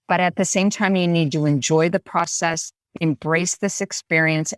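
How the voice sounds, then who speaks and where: A woman's voice: sits low, dry recording. A woman who works as an FBI applicant coordinator and recruiter, earnestly answering listener questions on a podcast. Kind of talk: podcast Q&A advice.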